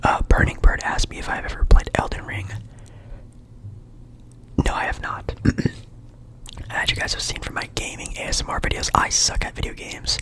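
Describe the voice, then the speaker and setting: A young man from Portland whispering a relaxed, rambling ASMR chat in his apartment. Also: moderate pace, long pauses. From Portland, Oregon, USA. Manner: soft rambling whisper, friendly and chatty. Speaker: ASMR creator.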